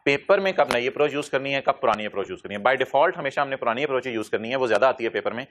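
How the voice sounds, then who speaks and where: A male accounting lecturer, teaching a class by firing quick questions at the students and answering them himself. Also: medium pitch, expressive, fairly bright tone.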